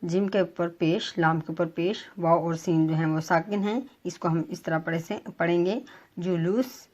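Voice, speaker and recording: A woman teacher giving a pronunciation lesson to students, reading words slowly and spelling out their vowel marks with frequent hesitations. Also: on the low side, fairly even intonation, darkish tone, lo-fi sound. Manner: careful, formal delivery with frequent hesitations. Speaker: Urdu teacher.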